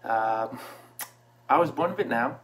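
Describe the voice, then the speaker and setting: A man in his thirties who grew up in Canada, telling a personal story to camera from a small room at home, relaxed and reflective, with many fillers. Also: mid-range voice, unhurried, a little hiss or hum. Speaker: vlogger. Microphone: camera in front at desk distance.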